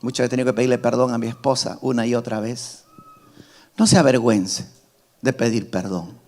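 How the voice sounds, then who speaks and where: A middle-aged man preaching a sermon as pastor, emphatic, rising to loud climaxes and dropping to soft asides. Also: mid-range voice, steady tone, fairly quick.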